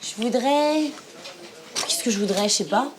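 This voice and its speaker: A woman's voice: on the high side, moderate pace, background noise, close to an everyday voice. An actress playing a whiny, demanding girlfriend in a scripted couple comedy, conversational with a nagging, dramatic edge. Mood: bemused.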